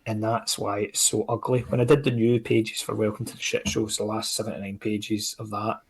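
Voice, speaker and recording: A Scottish comics creator chatting casually as a podcast guest, rambling and self-critical, with lots of fillers. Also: male voice, lowish voice, level tone, fairly quick, breathy edge. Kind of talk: casual chat.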